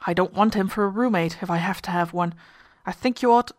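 A woman's voice: mid-range voice, brisk, lightly acted. A woman reading an indignant businessman passenger. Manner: indignant, demanding. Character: robust businesslike male passenger.

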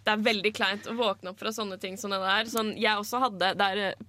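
A woman's voice: mid-range voice, steady tone, pushed and bright. A young woman in her twenties hosting a radio show, telling candid, self-mocking stories in casual chat. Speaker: radio host. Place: radio studio.

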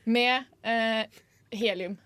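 A woman's voice: on the high side, steady tone, fairly bright tone, dry recording. Female radio co-host, giggly and rambling, dry studio sound. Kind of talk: casual radio chat.

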